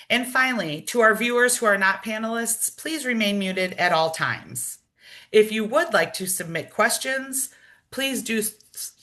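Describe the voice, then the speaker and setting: Bright-voiced woman reading a welcome. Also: medium pitch. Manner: measured and formal, reading from a script. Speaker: event organizer and host.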